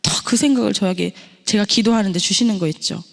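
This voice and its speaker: A woman's voice: medium pitch, fast talker, gravelly. A middle-aged woman preaching a testimony sermon in a church, telling her story and posing rhetorical questions to the congregation. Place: church sanctuary. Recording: long reverb of a church hall.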